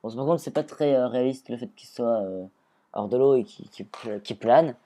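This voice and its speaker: This mellow male voice sits at medium pitch and moves at a moderate pace. He offers loose, wandering commentary on a game, often starting sentences over and talking to his in-game creatures.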